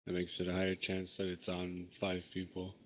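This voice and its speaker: A man's voice: deep voice, monotone, normal speed. A man casually giving remarks and positions to teammates over voice chat in an online game. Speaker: raid member in an online game.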